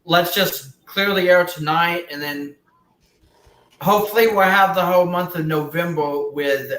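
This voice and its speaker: A man chatting on a live stream in a rambling, filler-heavy way, swearing casually as he goes. His voice is bright and a little high, and it echoes around a roomy space. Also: unhurried. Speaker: stream co-host.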